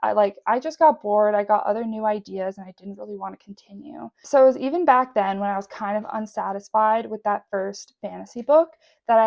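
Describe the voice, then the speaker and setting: A woman's voice: mid-range voice, highs cut off. A young adult woman chatting casually and enthusiastically in a solo vlog as a writer. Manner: enthusiastic, gushing. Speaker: writer vlogging about their work.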